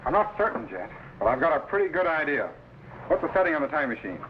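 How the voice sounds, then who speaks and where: A man's voice: on the high side, sing-song, fast. A man playing a commanding time-travelling scientist captain in a sci-fi serial, authoritative and businesslike. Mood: brisk, intent. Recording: muffled, noisy vintage serial recording.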